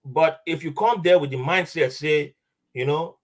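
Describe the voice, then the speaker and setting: The man's pitch is fairly high and his speed normal. As a podcast guest speaking with a Nigerian accent, he tells a story in a relaxed, animated way, mixing Nigerian Pidgin and acting out quoted speech.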